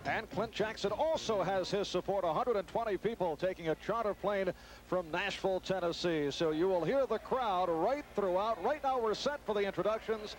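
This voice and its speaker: A man's voice: high voice, moderate pace. A man giving live sports broadcast commentary on boxing from ringside. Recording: noisy broadcast over loud arena crowd.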